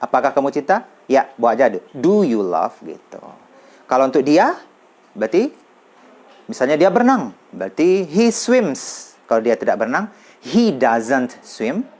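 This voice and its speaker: Lively man teaching English. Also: medium pitch. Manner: lively, repeats example sentences slowly and clearly. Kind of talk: casual classroom explanation.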